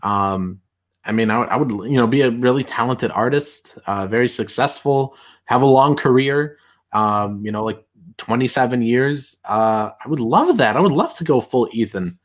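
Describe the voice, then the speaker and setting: A man hosting a casual livestream, reading chat aloud in a rambling, halting way with many fillers. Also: mid-range voice.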